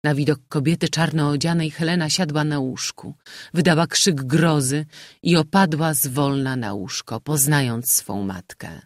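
A man reading a novel aloud as an audiobook narrator, in a measured, expressive manner. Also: on the high side, no echo, clean studio sound.

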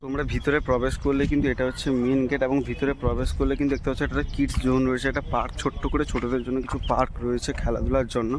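A man's voice: mid-range voice, flat delivery, very fast, few pauses. A man with a Bengali accent narrating a casual travel vlog, chummily addressing viewers as friends. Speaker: travel vlogger. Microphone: handheld phone. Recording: noisy on-location phone recording.

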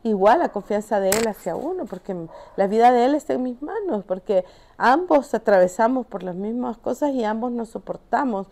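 A Salvadoran woman being interviewed about her climb, telling it in an animated, emotional way and often laughing as she talks. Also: fairly high pitch, moderate pace. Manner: animated, often breaks into laughter while recounting. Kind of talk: emotional first-person storytelling.

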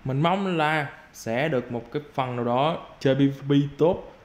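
A young man giving casual gameplay commentary as a YouTuber, excitable and quick to yelp and repeat his exclamations. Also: medium pitch. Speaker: gaming YouTuber. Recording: roomy with faint background noise.

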